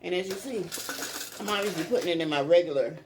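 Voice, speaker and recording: A woman's voice: lowish voice, fast talker, noisy background. A woman hosting her own eating video, chatting casually and directly to her viewers. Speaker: mukbang vlogger. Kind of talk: casual chat to camera.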